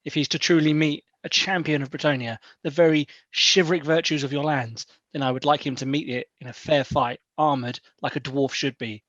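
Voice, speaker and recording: Guy as polite elf diplomat in a tabletop game, lightish pitch, formal, dull dry mic. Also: steady tone, fairly quick, few pauses, a bit bright, dry recording, natural voice. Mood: courteous. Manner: polite, formal, hesitant persuasion. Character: courteous, diplomatic male elf, smooth-talking negotiator. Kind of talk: improvised tabletop role-play. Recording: dull, lo-fi close audio.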